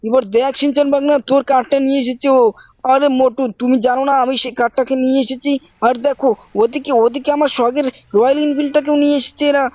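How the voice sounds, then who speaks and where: A gaming channel host narrating gameplay and scolding characters in a loud, theatrical role-play. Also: high voice, no room sound. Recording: dry, dull lo-fi mic.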